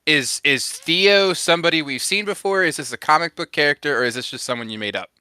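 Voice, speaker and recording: Bright, clear-voiced man chatting casually. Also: fairly high pitch, brisk, no echo, clean studio sound. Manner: agreeable, hedging, self-correcting. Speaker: podcast co-host giving feedback. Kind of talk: casual chat.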